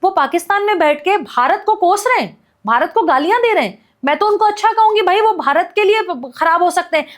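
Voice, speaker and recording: High-pitched woman ranting passionately. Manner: forceful, repetitive rhetorical ranting. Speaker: activist guest. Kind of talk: impassioned podcast commentary.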